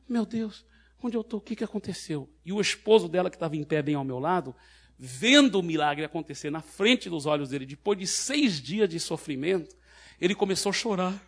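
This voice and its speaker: Preacher dude, husky voice kinda high, goes loud then real hushed. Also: male voice. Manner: dramatic, swinging between loud and hushed. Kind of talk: sermon testimony.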